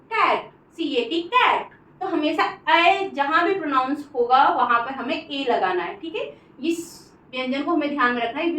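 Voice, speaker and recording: A woman teaching an English phonics lesson, spelling out letters slowly and repeating each word. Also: high-pitched, fairly bright tone, recorded from a distance. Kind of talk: classroom-style phonics lesson. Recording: echoey room, voice off-mic.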